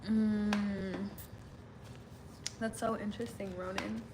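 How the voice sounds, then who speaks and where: Here the Illinois livestreamer, a young woman, talks with her viewers about their comments, laughing often and peppering her speech with "like." Her medium-pitched voice barely moves in pitch and comes slowly against a noisy background.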